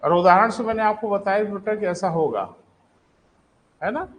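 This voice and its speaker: A man teaching economics to a live class, quizzing and scolding students and dictating notes slowly. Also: high voice, slight background noise, low-quality recording.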